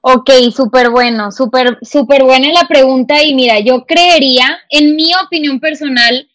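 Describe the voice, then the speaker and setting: A woman's voice: high voice, normal speed, fairly bright tone, no echo. A woman in her twenties with a northern Mexican accent from Monterrey, chatting effusively and emphatically as a podcast guest. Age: 20s. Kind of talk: casual conversational interview. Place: remote call recording.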